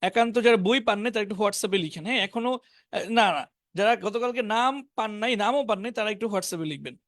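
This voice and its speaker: A man with a Bengali accent teaches an online spoken English class, slowly reading out English words and example sentences and giving each meaning. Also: high voice, fairly bright tone, no room sound, clean studio sound. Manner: reads word lists slowly, pairing each English word with its meaning.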